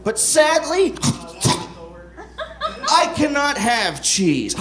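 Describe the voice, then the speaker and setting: A man voicing a cheese-loving little male pug dog in an excited, often shouted storybook reading, recorded live with audience noise. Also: very high-pitched, drawn-out words, roomy sound, voice pushed up, heavily acted.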